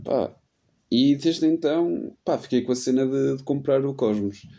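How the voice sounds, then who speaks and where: Rambling young Portuguese podcaster. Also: male voice, medium pitch, unhurried, vocal fry, warm tone. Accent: European Portuguese. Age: 20s. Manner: rambling, self-deprecating, slangy storytelling. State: sick with a cold. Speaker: podcast host. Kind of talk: casual solo podcast chat.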